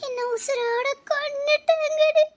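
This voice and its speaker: A woman's voice: extremely high pitch, steady tone, a little slow. An actress playing a grieving young woman talking with her friend, with an emotional, tearful delivery. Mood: bitter. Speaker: actress in a family drama. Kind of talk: melodramatic dialogue scene.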